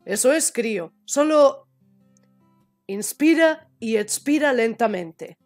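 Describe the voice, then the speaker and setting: A woman voicing a huge gruff male wolf in a game, speaking softly and soothingly. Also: expressive, unhurried, faint music behind, exaggerated voice. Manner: soft, low, soothing.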